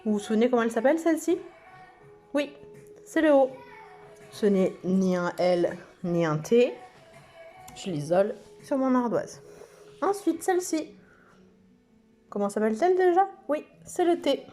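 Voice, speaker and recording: A woman teaching preschool children, speaking slowly and stretching out each word and letter sound. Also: fairly high pitch, very animated, warm tone, soft background music. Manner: slow, sing-song, stretches out words and letter sounds. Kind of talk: slow lesson for young children.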